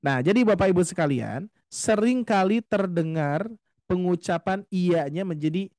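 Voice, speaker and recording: High-voiced patient male recitation teacher. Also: darkish tone, dry recording, studio quality. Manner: patient, explains slowly, often addresses "Bapak Ibu", models recitation drawn out. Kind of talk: online tajwid class. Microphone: video call.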